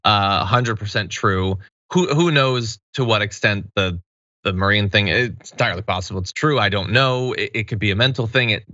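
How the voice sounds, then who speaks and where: Bright-voiced American man hosting commentary. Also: fairly low pitch, no room sound, highs cut off. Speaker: news commentary host. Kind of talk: conversational commentary. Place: small indoor studio.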